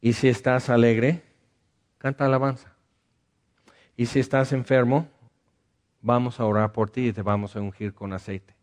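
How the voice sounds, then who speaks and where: A pastor preaches and leads his congregation in prayer in a medium-pitched voice. He stays calm and measured, often dropping to a soft voice.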